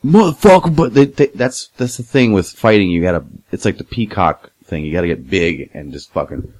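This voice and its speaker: A young man casually telling rough stories, swearing a lot and acting out what people said. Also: deep voice, normal speed, no room sound. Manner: animated, swears a lot, acts out quotes. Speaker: podcast guest telling stories. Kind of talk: casual profane storytelling.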